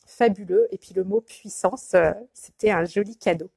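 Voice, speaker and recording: Woman coach hosting a casual live video chat, halting delivery full of fillers, middle pitch, dry sound. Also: creaky, darkish tone, husky, no room sound. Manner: hesitant, many fillers and restarts; chatty, greets viewers by name. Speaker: life coach.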